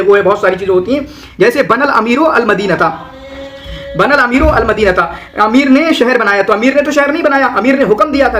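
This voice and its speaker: The lecture comes from a man with a high-pitched, somewhat bright voice in a reverberant room. He recites Arabic lines and unpacks those literary terms in a chatty way with everyday examples, frequently tossing in "है ना."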